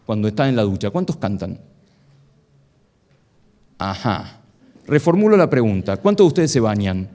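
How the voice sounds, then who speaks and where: A man's voice: on the low side, sing-song, moderate pace, pauses often, warm tone. A middle-aged man giving a playful live science talk on stage, asking the audience a stream of questions. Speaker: science lecturer.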